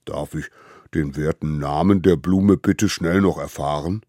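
A man voicing a slow, forgetful, gentle big mammoth with a low, drawling way of talking. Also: no room sound, studio quality. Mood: dozy.

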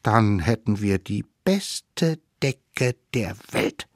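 A man voicing a band of small wild Stone Age children, excited and chattering, stammering when they freeze. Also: fairly low pitch, drawn-out words, gravelly, dry recording, studio quality, exaggerated voice. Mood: eager.

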